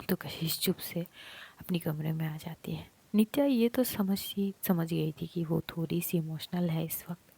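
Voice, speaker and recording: A woman narrating a love story as a whispered role-play, softly voicing each character's lines. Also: lowish voice, gravelly, husky. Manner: soft unvoiced whisper, acting out characters' lines.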